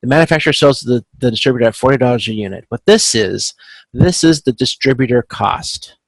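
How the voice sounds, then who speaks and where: Teaching a supply chain class by video conference, this man has a creaky, mid-range voice and talks fast and animatedly. He explains each step informally, keeps asking "okay," and the call sounds close and dry without any room sound.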